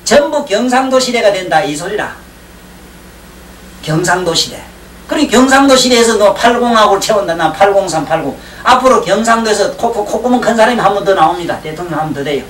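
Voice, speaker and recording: A man's voice: sits high, animated, fairly quick, fairly bright tone. A man giving a classroom lecture on Chinese classics, rambling and joking and often checking in with his class. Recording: roomy 1990s lecture tape, distant mic, faint hiss.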